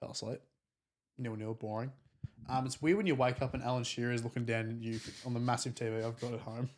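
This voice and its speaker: A man's voice: mid-range voice, steady tone, quick pace. A young man co-hosting a casual sports podcast with dry, wry remarks. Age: young adult. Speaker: podcast co-host.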